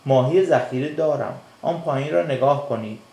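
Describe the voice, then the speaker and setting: A man's voice: mid-range voice, vocal fry, dark tone, lightly acted. A man voicing a cunning, greedy male pelican in a storybook reading, gloating and falsely gracious. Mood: scheming. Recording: echoey room.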